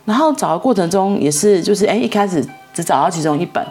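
A woman's voice: fairly low pitch, animated, quick pace, darkish tone, faint music behind. A middle-aged woman, telling a story in a casual, rambling way and repeating herself as she goes. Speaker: vlogger.

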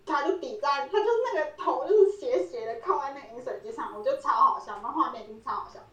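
A lively podcast co-host, a woman, tells a story with a lot of laughter. Her voice sits a little high. She sounds distant from the mic, in a room with plenty of echo. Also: quick pace. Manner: animated, laughing often, acting out quoted lines. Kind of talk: casual storytelling chat. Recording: roomy echo, voice set back from the mic.

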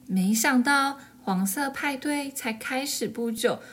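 A woman's voice: sits high, slow, heavy background noise. A woman co-hosting a children's story programme, narrating and chatting about parenting. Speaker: storyteller and co-host. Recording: music under the voice.

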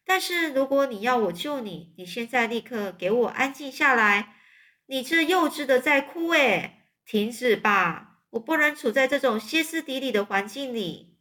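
A woman doing a calm, firm spider. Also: sits high, normal speed.

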